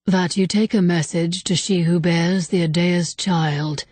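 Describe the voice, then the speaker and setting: A woman voicing an ancient male temple spirit who speaks calmly and with regret, in an audiobook reading. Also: fairly low pitch, dry recording. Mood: calm regretful. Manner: calm, regretful, unhurried. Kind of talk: audiobook character voice.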